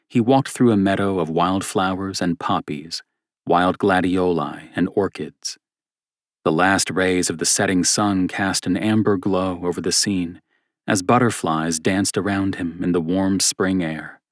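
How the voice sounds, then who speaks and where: A man narrating an audiobook novel in a steady, measured reading style. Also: low voice, dry recording, studio quality.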